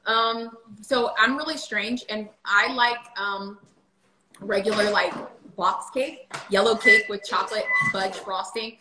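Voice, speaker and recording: A woman in her thirties livestreams from her home kitchen, chatting casually and answering viewer questions with lots of fillers, recorded on a phone camera set on the table. Her medium-pitched voice is steady, slow, bright and forceful. The audio is poor and roomy, with a little hiss or hum.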